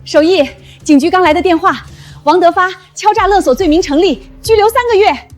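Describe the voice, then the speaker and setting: High-voiced earnest restaurant proprietress. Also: female voice, a little fast, soft background music. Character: caring, alert restaurant proprietress and partner. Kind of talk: short drama dialogue.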